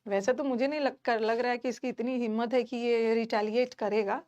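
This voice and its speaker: An Indian woman teaching online, talking to her students in a chatty, emphatic way and filling pauses with "theek hai". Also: on the high side, steady tone, a little mellow, lo-fi sound. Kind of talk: casual classroom talk to students.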